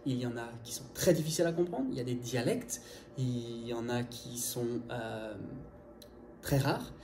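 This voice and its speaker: A man giving an energetic video lesson, talking fast and straight to the viewer as an English teacher. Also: mid-range voice, roomy sound, slight background noise. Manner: lively, fast, direct to viewer.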